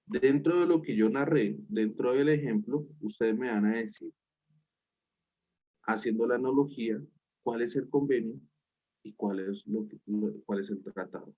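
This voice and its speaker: A man's voice: mid-range voice, normal speed, dark tone, lo-fi sound. A man, a university teacher telling an example story to his class in a chatty way over a video call.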